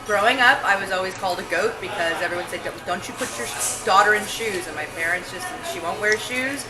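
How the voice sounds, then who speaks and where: A woman's voice: mid-range voice, fairly quick. A woman, a mother, chatting as a guest at a restaurant meetup and explaining things in a casual way. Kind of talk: casual interview answers. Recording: roomy echo.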